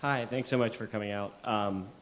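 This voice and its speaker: A man's voice: fairly low pitch, fairly even intonation, normal speed, a little hiss or hum. A man, a student in the program, asking a question at a talk with a friendly, joking manner.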